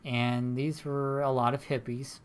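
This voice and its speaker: A man lecturing to a class in a loose, conversational way, often tacking questions onto the ends of his sentences. His pitch sits in an ordinary middle range. A faint hiss of background noise runs under the recording. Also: level tone, measured pace. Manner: rambling, conversational, frequent tag questions. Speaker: university lecturer.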